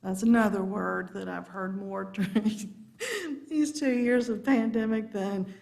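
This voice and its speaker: A woman preaches a sermon in a folksy, good-humored way. Her voice has a gravelly, creaky edge. She takes her time and lets each phrase settle. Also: mid-range voice, steady tone, measured pace, a little mellow. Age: 50s. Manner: folksy and humorous, laughing along with the congregation. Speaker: religious education director giving a sermon.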